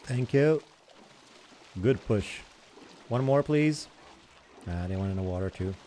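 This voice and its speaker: A man's voice: mid-range voice, animated, slow pace, warm tone, a little hiss or hum. A young man hosting a gaming channel, rambling in casual chatter as he plays and comments on other games.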